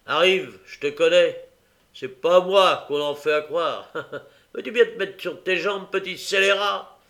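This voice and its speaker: A man voicing a rough, scornful police officer who barks orders in an audiobook. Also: high-pitched, unhurried, bright, forceful tone, voice pushed up, heavily acted. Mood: rough barking. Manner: brusque, barking, scornful.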